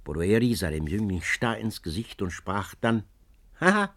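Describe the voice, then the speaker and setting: A man reading a classic story aloud as narrator, expressive and measured. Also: low-pitched. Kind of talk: literary audiobook narration.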